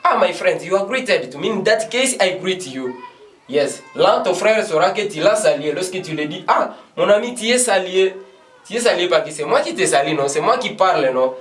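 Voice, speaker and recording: A man teaching English in a classroom, repeating example phrases slowly and switching between French and English. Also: high-pitched, animated, a bit bright, slight background noise. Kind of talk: classroom lesson at a board. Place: classroom with a board. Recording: echoey room, voice from far off.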